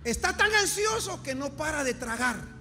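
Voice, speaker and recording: Fervent high-voiced male preacher. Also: sing-song, moderate pace. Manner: fervent, call-and-response preaching with shouted peaks; jokey asides to the congregation. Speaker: pastor. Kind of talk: sermon. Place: church service before a congregation. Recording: music playing behind the preaching.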